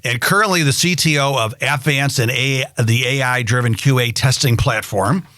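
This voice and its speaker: A man's voice: mid-range voice, normal speed, bright, forceful tone, a little hiss or hum. A man hosting a show in a studio, introducing his guest in an upbeat way with stumbles and repeated words. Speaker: host.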